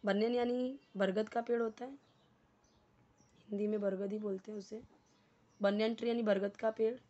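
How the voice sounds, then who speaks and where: An Indian woman teaching a beginner's English lesson, mixing Hindi and English, reading English slowly and explaining each word. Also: mid-range voice, fairly even intonation, dark tone, lo-fi sound. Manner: slow, deliberate when reading English, quicker in Hindi explanations; explains word by word, repeating for learners.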